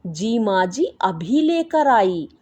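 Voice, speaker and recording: A woman's voice: medium pitch, very animated, takes it slowly, a little mellow, pitched below the performer's own voice. A woman voicing a sly, spoiled young elder daughter-in-law who whines and fusses in a storybook. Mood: whiny. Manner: whiny, fussy. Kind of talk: storybook voice acting.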